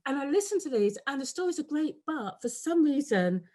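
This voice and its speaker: A woman's voice: high-pitched, very animated, brisk, warm tone. A woman with a London accent, an author being interviewed, chatting casually over a video call, laughing often and trailing off mid-sentence. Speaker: author guest.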